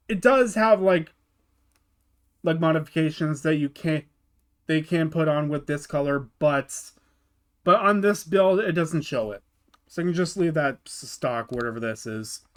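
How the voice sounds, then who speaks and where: Halting man narrating a game build. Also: fairly high pitch. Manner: halting, often restarts and repeats words. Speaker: gaming channel host. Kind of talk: casual game build tutorial voice-over.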